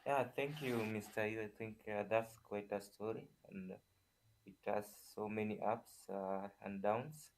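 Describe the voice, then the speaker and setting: A man's voice: lowish voice, fairly even intonation, measured pace, a little hiss or hum, low-quality recording. A man hosting an online community audio event off the cuff, polite and hesitant. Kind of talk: unscripted hosting.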